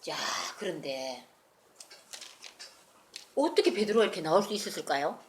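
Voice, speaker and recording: A woman's voice: lowish voice, moderate pace, a little hiss or hum. A woman telling a Bible story in a children's sermon and asking the children questions. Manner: animated, asks the children questions.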